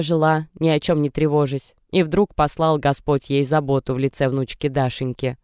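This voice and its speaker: A man narrates a novel in a measured, expressive way. His voice is smooth and resonant, sitting a bit higher than usual for a man. The recording is dry and close, with no room sound. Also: dry recording. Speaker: audiobook narrator. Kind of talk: scripted narration.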